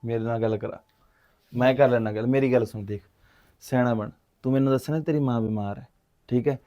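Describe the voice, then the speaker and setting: A man playing a calm, persuasive captive. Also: medium pitch, a little fast, lo-fi sound, natural voice. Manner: coaxing, reasoning, frequent hums of agreement. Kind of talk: short film drama acting.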